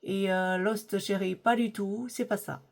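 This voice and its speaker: A woman's voice: medium pitch, steady tone, measured pace, gravelly. A middle-aged woman chatting casually in a vlog, hesitant, with many fillers and restarts. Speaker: lifestyle vlogger. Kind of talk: casual chat about perfumes.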